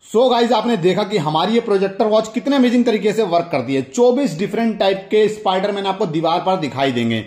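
With a high, slightly mellow voice, this Indian toy review host talks briskly and animatedly, barely pausing. He enthusiastically shows off toys in an unboxing and keeps calling out to his viewers.

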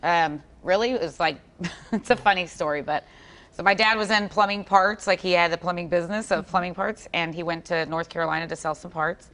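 She's a barbecue vendor with a drawl, bantering on a live TV segment in a lowish, easygoing voice. Her talk is sassy and joking as she pushes food on the hosts. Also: steady tone, brisk, a bit bright. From Texas. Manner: sassy, playful, talks with her hands in the food. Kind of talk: casual chat on live TV. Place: outdoors at a festival food stand.

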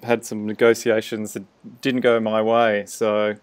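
Male podcast host, casual interview chat, slightly low and smooth, clean tone. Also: monotone, unhurried.

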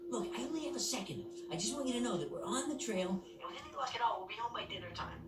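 Young talking mouse calling from a payphone, hurried and hushed, high and lively, distant with room echo and music. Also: male voice, a loud crowd. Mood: urgent. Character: small brave talking mouse, young and earnest. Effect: voice heard over a payphone line. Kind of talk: film dialogue. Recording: distant echoey film sound with music.

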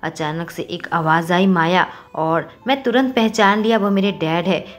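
A woman reads a romantic story aloud in the first person, with a steady reading voice pitched somewhat low. Faint music runs softly underneath her narration. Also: normal speed.

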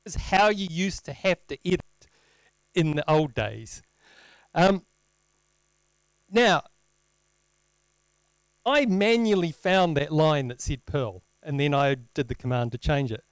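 Guy doing a casual live tech demo, slowish and halting, dry wry humour, slightly high voice, no room echo. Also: lively intonation, smooth. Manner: wry, self-deprecating humour; halting, thinking aloud while typing. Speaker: presenter at a tech meetup. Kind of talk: informal live technical demo talk. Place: indoor lecture room, presenting at a screen. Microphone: handheld microphone.

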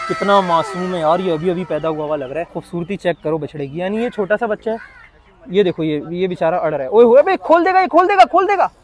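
A young man vlogging as he walks through an outdoor cattle market, bantering with sellers and exclaiming at the animals. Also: high-pitched. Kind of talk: walking cattle-market vlog. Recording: crowd noise around. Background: crowd chatter.

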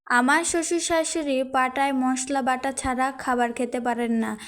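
Woman, high voice, first-person storyteller; plain telling with small restarts and fillers. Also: steady tone, normal speed. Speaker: narrator.

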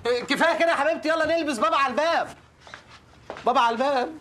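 A flustered young Egyptian groom, who rattles off stammering, fawning excuses at top speed. The film soundtrack carries clear background noise. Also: male voice, very high voice, racing. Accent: Egyptian Arabic. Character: flustered young male con-man groom.

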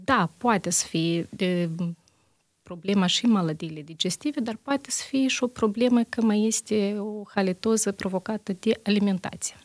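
A woman internist, speaking at medium pitch with no echo, answers interview questions on a health show. She is methodical, listing examples and hesitating frequently.

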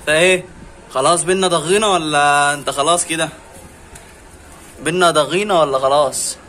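A man's voice: on the high side, steady tone, normal speed, bright, forceful tone, slight background noise. A man with an Egyptian Arabic accent vlogging casually and teasing and coaxing his pet fox in a playful way.

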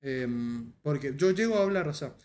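A man's voice: medium pitch, moderate pace, a little hiss or hum. A man from Paraguay with a Paraguayan Spanish accent, hosting a casual chat in a joking, slangy manner. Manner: relaxed, joking, rioplatense slang. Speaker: host.

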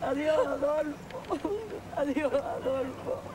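A high-voiced Cuban woman, intense and desperate, begging and cursing as she foresees a death. Her voice sits well above most women's. Steady background noise hisses under the film audio. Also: normal speed, echoey room. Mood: grieving. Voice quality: emotional, pleading, swearing often. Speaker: actress. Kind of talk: film drama acting.

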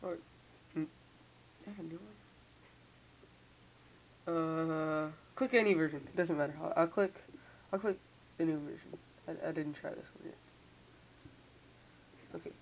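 A young teen with a mid-pitched voice talks through a casual, unscripted computer tutorial. The speech is halting and repetitive, a little impeded by a sore, braced mouth. A faint hiss sits behind the home-mic recording. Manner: halting, repeats words. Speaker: software tutorial maker. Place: indoors at a computer. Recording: hissy, noisy home microphone.

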